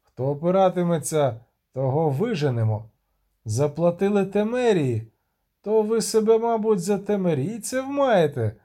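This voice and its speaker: A man's voice: sits high, big pitch swings, measured pace, dark tone, pitched above the performer's own voice. A man voicing a stern, authoritative male military commander who proclaims orders. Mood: commanding.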